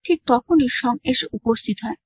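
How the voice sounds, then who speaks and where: A woman's voice: fairly high pitch, moderate pace, slightly rough, no echo. A woman storyteller narrating a drama recap and reading every character's lines in her own narrating voice.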